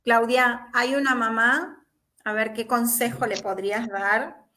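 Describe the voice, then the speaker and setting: A woman's voice: a little high, steady tone, unhurried, sharp tone. A woman host giving short affirmations and reading out a question from a viewer. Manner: brief affirmations, reads audience questions. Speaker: interview host.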